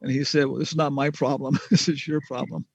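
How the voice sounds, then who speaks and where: A man's voice: a little high, little pitch movement, fairly quick, gravelly, slightly rough, dry recording, dull audio. A man answering students' questions in a casual class, rambling with many fillers and chuckles.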